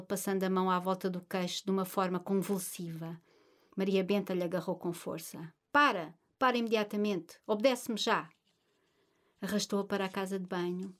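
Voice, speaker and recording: A woman reading a literary story aloud at a middle pitch. Her delivery is measured and expressive, the steady pace of scripted narration.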